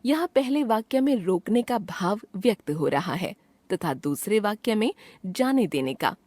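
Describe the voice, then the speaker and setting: Woman reading a grammar lesson, lively intonation. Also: mid-range voice, no room sound. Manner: precise, measured textbook reading. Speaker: grammar teacher narrating a lesson. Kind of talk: scripted lesson narration.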